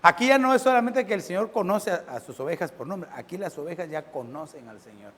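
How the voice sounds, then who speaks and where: A pastor preaching a sermon. He keeps asking the congregation questions and swings between loud and soft. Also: high-pitched, animated, a little fast, long reverb tail.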